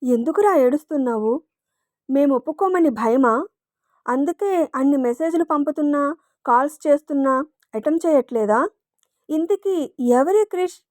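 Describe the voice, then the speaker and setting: A woman's voice: high-pitched, expressive, moderate pace, pauses often, darkish tone, dry recording, clean studio sound. A woman voicing a caring middle-aged father.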